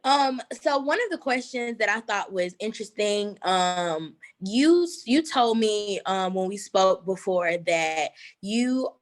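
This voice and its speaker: A woman's voice: mid-range voice, expressive, slow pace, hardly any pauses. Young woman, student, courteous and friendly, brief question on a call. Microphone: video call.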